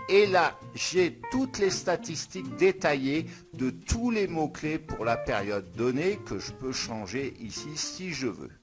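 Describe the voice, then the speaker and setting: Man, fairly high voice, screen-tutorial voice-over, casual step-by-step explaining, soft guitar music behind. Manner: addresses viewer informally, step-by-step explaining clicks. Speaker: YouTube tutorial host. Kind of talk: screen-recorded software tutorial.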